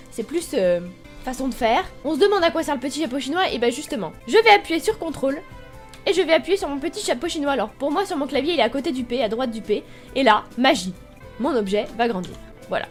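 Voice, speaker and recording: Chatty young woman explaining a game. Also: a little high. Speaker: gaming YouTuber. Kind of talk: casual game tutorial.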